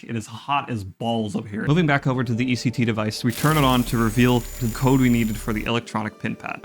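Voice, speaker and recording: A man's voice: mid-range voice, fairly bright tone. A man recording in an attic, giving a scripted video game commentary with informal, slangy asides. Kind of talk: scripted video essay narration with casual asides. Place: attic room at home. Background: background music.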